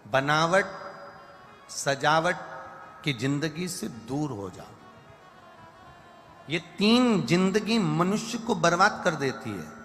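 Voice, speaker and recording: Slow higher-voiced guy preaching, sings verses, long hall echo, soft music under. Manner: emphatic, repetitive preaching lists. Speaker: religious storyteller. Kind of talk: devotional sermon with sung verses. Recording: music bed in a reverberant hall.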